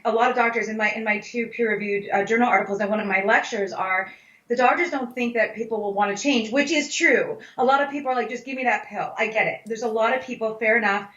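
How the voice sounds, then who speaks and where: Her slightly high, fairly bright voice carries through a roomy, somewhat dull recording. She's a middle-aged woman appearing as a dietitian guest, chatting through the interview and emphatically stressing ideas with repeated phrases.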